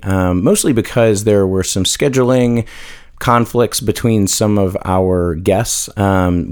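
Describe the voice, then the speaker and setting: Hoarse low-voiced man hosting a podcast. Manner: relaxed, rambling with many fillers. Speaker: podcast co-host. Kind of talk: casual podcast chat.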